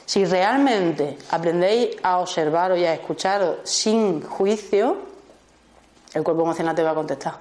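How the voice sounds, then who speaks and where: Woman, Spain accent, lowish voice, animated teacher for a small group, acts out quick exchanges. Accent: Spanish from Spain. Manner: lively, often checks in with "¿vale?" and acts out short dialogues. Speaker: workshop teacher.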